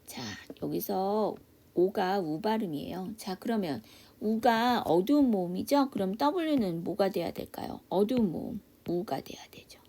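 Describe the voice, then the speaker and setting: Woman, gravelly voice, dark tone, online English class, asks and answers own questions. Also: mid-range voice, expressive, a little slow. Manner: drops into soft half-whispers on explanations. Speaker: English teacher. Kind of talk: online phonics lesson. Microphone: computer mic for a video class.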